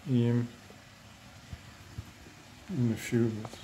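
A man's voice: medium pitch, fairly even intonation, slow pace, dark tone, slight background noise, low-quality recording. A man with a French accent talking casually about his fish breeding, hesitant and full of fillers and restarts. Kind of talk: casual hobby vlog.

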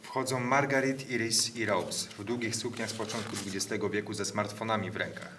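A man's voice: fairly low pitch, fairly even intonation, fairly quick. A man reading stage directions plainly and matter-of-factly at a theatre reading. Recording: noisy distant stage sound.

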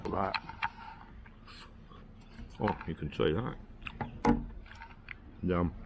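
A man's voice: low-pitched, drawn-out words, creaky. Laconic man, very noisy recording. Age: middle-aged. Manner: laconic, short offhand phrases. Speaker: motorbike vlogger. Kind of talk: casual off-the-cuff vlog chat. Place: outdoors, on and around a motorbike. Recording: loud engine, traffic and handling noise.

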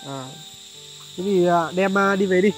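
Man hosting a village charity vlog outdoors, courteous and chatty, soft music underneath. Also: high voice, a little slow, poor audio. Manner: polite, addresses viewers often, many fillers. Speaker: charity vlogger. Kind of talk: vlog narration and chat on location.

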